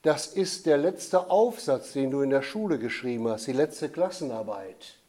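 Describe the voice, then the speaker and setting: A man voicing a gentle, patient holy child in a storybook tale, speaking softly and calmly. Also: moderate pace, natural voice. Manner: soft, low, calm and explaining.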